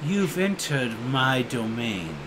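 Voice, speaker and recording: A man voicing a huge, haughty male blue dragon with a deep, slow, menacing voice. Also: big pitch swings, noisy background.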